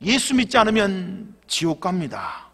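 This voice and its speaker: A man's voice: high-pitched, wildly swooping pitch, measured pace, a bit bright, breathy edge, exaggerated voice. A man voicing a young, devout grandson who answers firmly and earnestly, in a reverberant church hall. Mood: steadfast.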